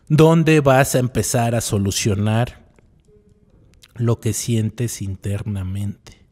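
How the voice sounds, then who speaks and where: A man's voice: mid-range voice, a little mellow. A male psychologist giving a reflective radio talk, asking the listener rhetorical questions and repeating key phrases. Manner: asks the listener rhetorical questions, tags lines with "¿no?".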